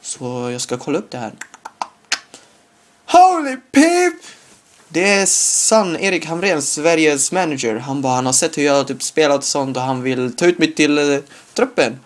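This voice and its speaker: A man giving casual gameplay commentary as a video creator. He talks in a chatty way, laughs at his own jokes, and jumps into high-pitched yelps and shouts at big moments.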